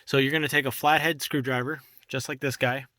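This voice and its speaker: A young man hosts a laid-back how-to video from inside a car, walking through each step while working with his hands. His mid-range voice moves a little fast, and the clean studio sound has no echo. He comes across relaxed and chatty.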